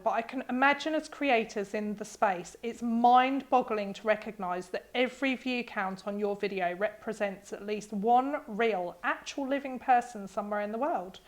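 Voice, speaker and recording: A woman with a fairly high voice reads listener emails aloud in a casual, chatty way. She is openly emotional and breaks into laughter often. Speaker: podcast host reading listener emails.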